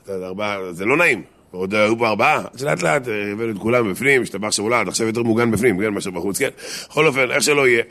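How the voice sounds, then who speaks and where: Animated rabbi joking with his congregation. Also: on the low side, few pauses. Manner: animated, jokey, addresses listeners directly with questions. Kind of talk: lively Torah talk to a small congregation.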